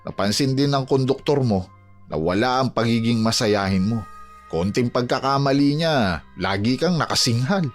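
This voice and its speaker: A man's voice: medium pitch, expressive, moderate pace, lightly acted. A man playing an earnest worried friend. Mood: concerned. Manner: earnest, pleading, plain-spoken. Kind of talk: audio drama acting. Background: music.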